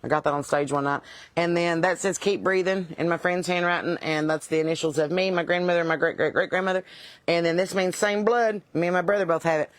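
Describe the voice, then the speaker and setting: A woman from Kentucky with a Southern US accent hosts a livestream and chats with viewers, steady in tone, lowish in voice, a little fast, with no echo. A singer too, she keeps it casual, folksy, unpolished and jokey.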